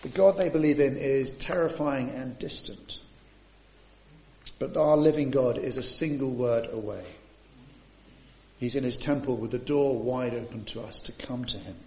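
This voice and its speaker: A man's voice: mid-range voice, normal speed, dark tone, reverberant. A man preaching a sermon to his congregation, often adding rhetorical tag questions.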